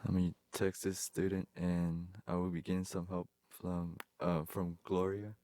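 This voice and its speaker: A young man, a student, interviewing an older man, asking hesitant, soft-spoken questions with fillers. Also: sits low, little pitch movement, a little slow, no room sound. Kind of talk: oral history interview.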